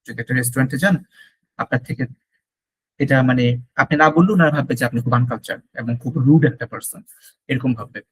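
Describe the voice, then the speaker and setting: A man teaching a French class in Bengali mixed with English, repeating each French word slowly. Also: medium pitch, husky, rough recording. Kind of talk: classroom lesson.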